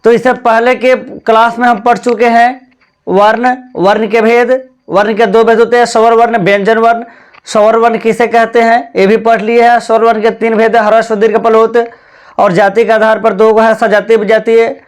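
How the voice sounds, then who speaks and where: A man with a fairly high voice teaches a grammar lesson at a board in a classroom. He keeps repeating the key points and asks the class questions that he answers himself. He often calls his viewers "brother". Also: little pitch movement, moderate pace, clean tone. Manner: addresses viewers as "bhai" (brother).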